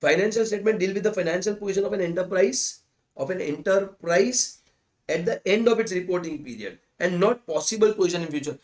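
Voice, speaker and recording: A man teaching accounting in Hindi mixed with English. He reads definitions slowly, then explains them quickly, calls his students "guys" and repeats key points. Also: high voice. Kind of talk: lecture explaining slides.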